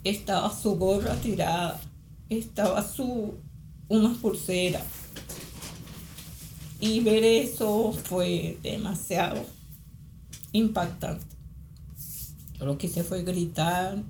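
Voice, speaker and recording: A middle-aged Venezuelan woman giving spoken testimony as a mother, halting and repeating phrases. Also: mid-range voice, darkish tone, reverberant, a little hiss or hum. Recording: interview with music underneath.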